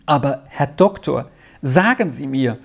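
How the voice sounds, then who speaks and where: A storyteller voicing a fretful aunt who wails and laments loudly in a high voice. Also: animated, measured pace, creaky. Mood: pleading. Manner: high, loud, wailing. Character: fretful wailing aunt, woman, middle-aged.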